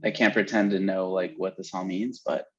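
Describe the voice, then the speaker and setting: A man's voice: low-pitched, little pitch movement, normal speed, highs cut off, background noise. A man co-hosting a casual podcast, joking and making fun of himself. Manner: joking, self-deprecating. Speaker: crypto podcast co-host. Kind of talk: casual chat.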